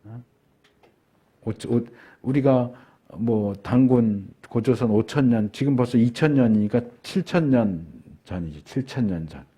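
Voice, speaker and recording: A middle-aged male pastor delivering a sermon, unhurried, with frequent filler pauses and slowed words for emphasis. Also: mid-range voice, warm tone, husky.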